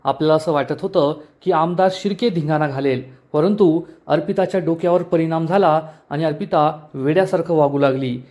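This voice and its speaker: A man recapping a TV serial episode in an animated, storytelling way. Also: fairly high pitch, brisk, few pauses. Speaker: TV serial reviewer.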